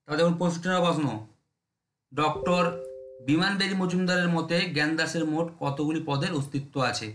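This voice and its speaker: A man running a rapid exam-prep lesson, reading questions and answers and checking in with listeners. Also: on the high side, fairly even intonation, a bit bright, reverberant. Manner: brisk, drilling, repeats checks with listeners.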